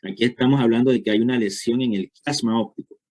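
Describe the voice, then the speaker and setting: A man's voice: medium pitch, steady tone, quick pace, a little mellow. A man giving a university lecture, explaining step by step and checking understanding with frequent short questions.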